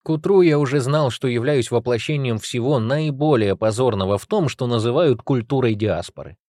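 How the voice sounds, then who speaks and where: A man's voice: medium pitch, darkish tone, no room sound, clean studio sound. A man reading an audiobook in sardonic first-person narration that swings into agitated outbursts. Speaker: audiobook reader. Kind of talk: scripted narration.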